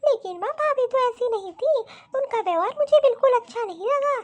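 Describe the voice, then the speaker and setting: Cartoon daughter, voiced by a woman: whiny, demanding, extremely high-pitched. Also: expressive, brisk. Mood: indignant. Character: spoiled young married daughter, demanding and indignant. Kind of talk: cartoon voice acting.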